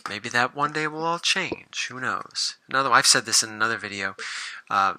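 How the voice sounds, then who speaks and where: A man's voice: medium pitch, expressive, normal speed, sharp tone, no echo, rough recording. A man hosting a casual show-and-tell video about comic books, rambling, with lots of fillers and restarts. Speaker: comic book collector and channel host.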